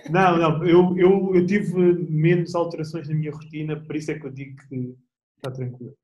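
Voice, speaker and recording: A young man with a European Portuguese accent, chatting as an interview guest in a relaxed, slangy way with plenty of restarts. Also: on the high side, fairly quick, roomy sound, muffled recording. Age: young adult. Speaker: guest athlete. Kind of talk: casual interview chat.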